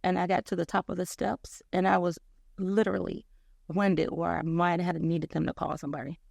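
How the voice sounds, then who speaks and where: A woman sharing her personal story of faith and health as an interview guest, telling it in an animated, faith-filled way. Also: lowish voice, brisk, creaky, no room sound, studio quality. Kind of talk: personal testimony in casual chat.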